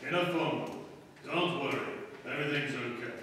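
A man's voice: medium pitch, brisk, pushed and bright, close to an everyday voice. A man playing a businesslike, matter-of-fact hired killer in an old-time radio drama. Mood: impatient, assured. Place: small stage hall before an audience. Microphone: distant camera. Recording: distant echoey hall, hissy.

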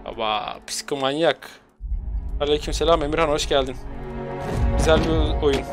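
A man doing excitable, jokey live gameplay commentary at home, jumping to high squeals when he is chased. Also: moderate pace, soft background music. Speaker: gaming streamer. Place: home room with an open window.

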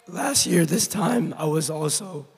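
A man with a hoarse, raspy voice, giving an award acceptance speech in a halting way with many pauses and ums. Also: a little high, animated, faint music behind. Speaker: award recipient. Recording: long reverb of a large hall.

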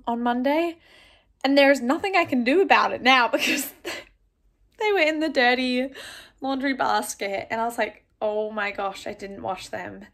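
A young woman vlogging casually into a handheld phone, chatty and confiding, laughing at herself. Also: sits high. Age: young adult. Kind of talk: casual vlog chat. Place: home kitchen and city streets. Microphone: phone camera held close.

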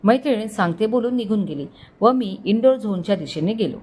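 A woman storyteller reading a romantic story aloud in a steady, expressive way. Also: medium pitch, a little fast, husky. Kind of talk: scripted story narration.

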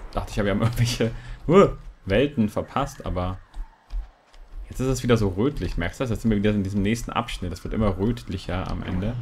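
A man's voice: fairly low pitch, a little fast, a little hiss or hum. A young man from Saxony-Anhalt in Germany, chatting playfully through a co-op video game and joking as he plays. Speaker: let's play host. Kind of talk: casual co-op gaming chat.

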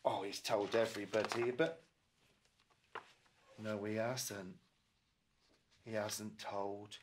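An older man reading a picture book to small children as if to toddlers, in an animated, coaxing way with questions and asides. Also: lowish voice, takes it slowly, noisy background. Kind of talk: reading to young children, interactive storytelling. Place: small children's room indoors, seated close to young children.

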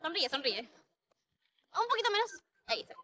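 Bright, high-voiced young Peruvian woman. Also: sing-song, measured pace, full character voice. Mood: playful, instructing. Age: 20s. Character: playful, chatty young woman teasing her friend. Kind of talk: TV comedy-drama acting. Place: outdoors in a park. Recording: faint outdoor background noise.

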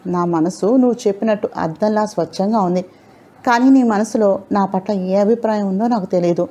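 A woman's voice: medium pitch, a little fast, dark tone, natural voice. A woman narrator voicing a playful, spirited young woman in love who teases and speaks from the heart. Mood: heartfelt. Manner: teasing, then openly heartfelt.

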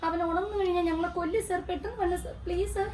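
A woman's voice: very high-pitched, steady tone, fast talker, a little mellow. A woman playing a shop owner who scolds an intruder and repeats her commands. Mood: pleading. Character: stern woman shopkeeper confronting an intruder. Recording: echoey room from far off, noisy.

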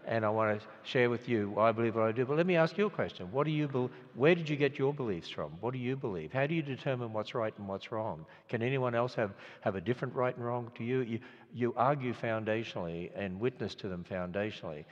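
An older man with an Australian accent delivers a storytelling sermon in an earnest, conversational style full of restarts. He speaks fast at a medium pitch with few pauses. The lo-fi recording echoes in a reverberant hall.

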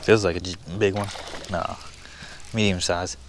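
Hyped young man vlogging with a low voice. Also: measured pace, a little hiss or hum. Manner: hyped, slangy, excitable. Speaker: fishing vlog host. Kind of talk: casual outdoor vlog. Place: outdoors on a lake, in a kayak and boat.

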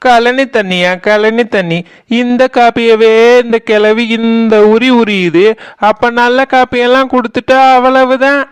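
A voice actor playing a cheeky young wife who talks back to her mother-in-law in a cartoon, speaking with a Kanyakumari Tamil accent and making quick, mocking retorts. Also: mid-range voice, smooth, no room sound, pitched above the performer's own voice, close to an everyday voice.

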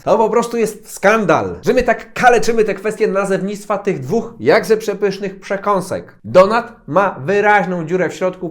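A man from Poland runs a casual video lesson, joking his way through the material with mock outrage. His voice sits a little high for a man. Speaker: English teacher.

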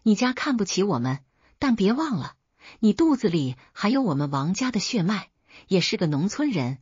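A woman's voice: very animated, normal speed, a little mellow, slightly rough, dry recording, lo-fi sound. A woman voicing a coarse, domineering older mother-in-law who scolds and sneers. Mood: furious. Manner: shrill, scolding, contemptuous.

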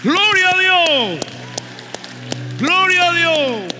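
A male preacher delivering a fervent sermon, pushing into shouted call-and-response and then dropping to low, earnest appeals. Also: big pitch swings, drawn-out words, over a noisy crowd. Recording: long hall reverb with faint music.

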